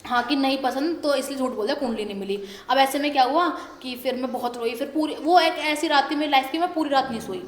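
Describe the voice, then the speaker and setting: A young woman telling a personal story as a guest in a casual interview, animated and laughing as she goes. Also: sits high, fast talker, hardly any pauses. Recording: echoey room with faint background noise.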